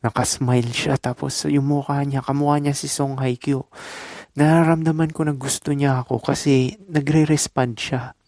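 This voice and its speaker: A man's voice: medium pitch, little pitch movement, normal speed, darkish tone, dry recording. A man from the Philippines giving casual dating and self-improvement advice in a laid-back, instructive monologue full of short loose phrases and tag questions.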